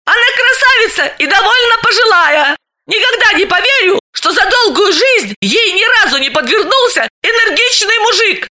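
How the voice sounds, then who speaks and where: Picture a brash, bawdy woman friend, as an audiobook reader puts her on, her voice shooting up high and sharp. She yelps and cackles, swinging wildly up and down as she jokes. The reading is bright and forceful. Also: big pitch swings, moderate pace, full character voice. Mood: excited, indignant. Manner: squealing, shouting, laughing through the lines. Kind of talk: audiobook character voice.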